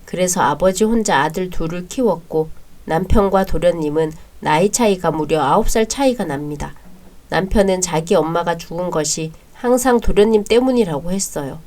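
A woman voicing a polite, caring young bride-to-be who speaks softly and also narrates. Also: fairly low pitch, moderate pace, lightly acted. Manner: polite and soft-spoken.

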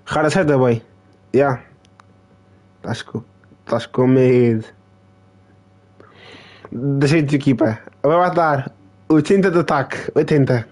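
A young man with a European Portuguese accent, live-streaming a football game in excitable, trash-talking casual chatter that repeats itself. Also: mid-range voice, measured pace, pauses often. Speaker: gaming streamer.

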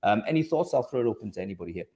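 A man's voice: fairly low pitch, animated, rapid-fire, dark tone. A man hosting a live video-call panel, friendly and chatty, with frequent restarts and fillers, speaking into a headset from a home office. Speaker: host. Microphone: over-ear headset on a video call.

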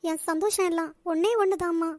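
A woman voicing a tearful, lovesick young daughter in a family cartoon, speaking softly and sorrowfully with a Nagercoil Tamil accent. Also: very high voice, steady tone, a little fast, dry recording, clean studio sound. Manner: soft, sorrowful and pleading.

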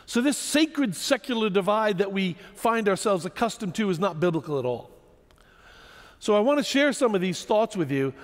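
Man lecturing in a large hall, expressive pitch, long reverb; suits a lively talk. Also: moderate pace. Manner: animated storytelling, rhetorical questions. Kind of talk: public lecture to an audience.

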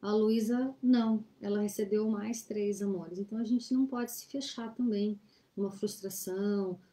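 Earnest woman teaching, mellow voice. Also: mid-range voice, fairly even intonation, normal speed. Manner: earnest, gently exhorting. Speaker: spiritist study presenter. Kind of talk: reflective teaching talk. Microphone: laptop webcam on a video call.

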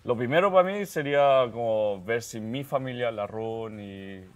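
A young man with a Chilean accent chatting casually as a studio guest, laughing easily and throwing in quick asides. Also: medium pitch. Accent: Chilean Spanish. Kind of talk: casual chat. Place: TV-style studio set.

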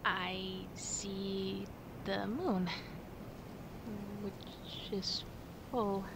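A woman plays a nervous, twitchy wolf girlfriend in an ASMR roleplay, stammering and hesitant as she hides something. Her medium-pitched voice keeps a steady tone and moves very slowly, and there's background noise. Her mood is nervous and evasive.

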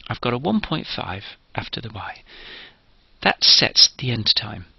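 A man's voice: mid-range voice, big pitch swings, a little slow, gravelly, bright, forceful tone, breathy edge, dry recording, dull audio. A man giving a recorded engineering lecture, explaining each step methodically.

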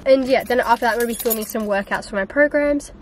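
Speaking into a handheld camera close to her face, this young vlogger rambles through a casual chat from a small room in her home. She sounds slightly high-pitched over background noise, quick and talkative, letting lines fade into soft asides.

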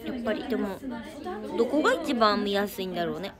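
A woman's voice: mid-range voice, lively intonation, fast talker, a loud crowd. A teenage girl with a Kansai accent chatting casually on a livestream, reading out viewer comments and thanking fans. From Japan. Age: teens. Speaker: idol livestream host.

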